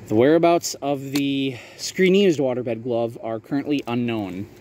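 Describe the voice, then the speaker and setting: A man with a medium-pitched voice talks through a casual showcase vlog. He explains details in a halting way, often qualifying what he says. Ambient noise is clearly audible behind him. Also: darkish tone. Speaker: maker showing a handmade prop replica for sale.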